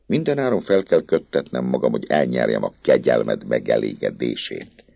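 A man voicing a nervous, boastful male poet who talks in a rapid, fussy patter. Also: a bass voice, lively intonation, creaky, dry recording, dull audio, heavily acted. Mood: chattering, scheming.

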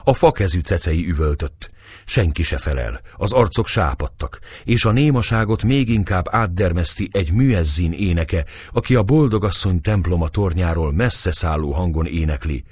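Deep, husky male narrator. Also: lively intonation, a little mellow, no room sound. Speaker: audiobook narrator. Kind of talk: scripted narration of a historical novel.

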